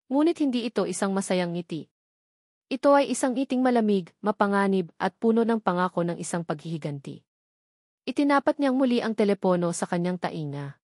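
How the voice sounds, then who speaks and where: A woman with a Filipino accent narrates a dramatic scripted story. Her mid-range voice has a darkish tone, and the clean studio recording is dry.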